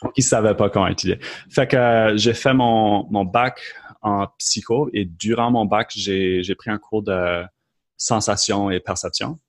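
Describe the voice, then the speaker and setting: Low-leaning and measured, this man's voice has fairly even intonation. He is an Acadian-accented guest in his thirties from Moncton, New Brunswick, in Canada, talking earnestly but casually in a conversational podcast interview and frequently starting over.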